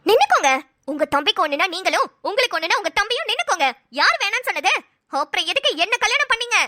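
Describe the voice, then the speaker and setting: A woman's voice: very high-pitched, very animated, fast talker, sharp tone, no echo, studio quality, full character voice. A woman voicing an angry young wife who scolds her husband and talks back. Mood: defiant. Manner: scolding, confrontational. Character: angry young wife, sharp-tongued and defiant.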